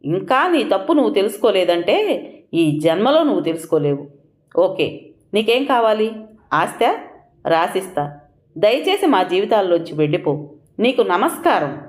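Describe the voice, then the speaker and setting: A woman's voice: mid-range voice, sing-song, normal speed, pauses often, lightly acted. Vishal, a woman reading as an angry, defensive husband. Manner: heated, pleading outbursts.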